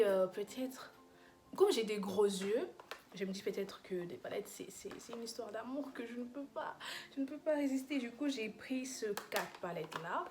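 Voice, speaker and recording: A young woman rambles happily through a makeup review, stumbling and restarting as she gushes. Her voice sits at an ordinary pitch, and faint music plays softly behind her. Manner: chatty, gushing, many fillers and restarts. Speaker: beauty vlogger. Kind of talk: casual makeup review vlog.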